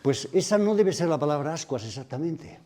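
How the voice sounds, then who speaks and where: A man's voice: a little high, animated, a little fast, a little mellow, a little hiss or hum. A man preaching a sermon at a retreat, reflective and thoughtful, often putting questions to his listeners. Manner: reflective, asks the audience questions. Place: retreat meeting room.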